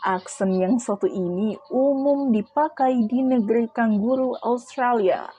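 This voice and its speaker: A woman's voice: fairly high pitch, noisy background. A woman reading out a prepared class presentation, explaining step by step with brief asides to her listeners. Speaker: student presenter.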